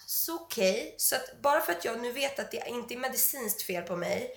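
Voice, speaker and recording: A woman hosting a podcast in casual chat. She has a croaky, stuffy-nosed voice and tells stories animatedly, full of quoted dialogue. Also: fairly high pitch, expressive, reverberant. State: stuffy nose. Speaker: podcast host.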